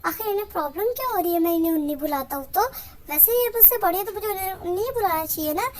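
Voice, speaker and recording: A woman's voice: very high voice, racing, a little mellow. A woman doing a shy polite young man. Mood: puzzled. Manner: apologetic.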